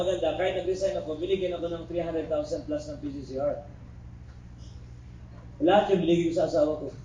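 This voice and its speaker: A man's voice: fairly high pitch, warm tone. Middle-aged male lecturer, echoey and distant. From Philippines. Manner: joking asides, keeps checking in with the class. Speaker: criminology review lecturer. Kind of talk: classroom lecture. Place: classroom. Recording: echoey room recorded from far off, faint background noise.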